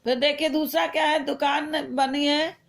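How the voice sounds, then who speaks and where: A woman with a high voice teaches a simple grammar lesson to young pupils. She talks patiently and slows down to read out each example sentence. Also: steady tone, gravelly.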